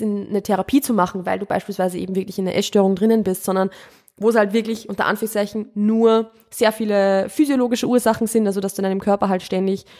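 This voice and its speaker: A woman's voice: mid-range voice, a little mellow. A young woman hosting her podcast, answering listener questions in a chatty, rambling way, often correcting herself and dropping in English words. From Austria. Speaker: podcast host. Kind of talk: casual Q&A monologue.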